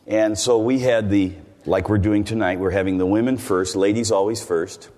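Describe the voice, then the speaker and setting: An older American man, a visiting preacher, delivers a sermon in a relaxed, folksy way, rambling through side stories and putting questions to the congregation. His voice is very low and he speaks at normal speed. A long reverb makes it ring out as if in a large church hall.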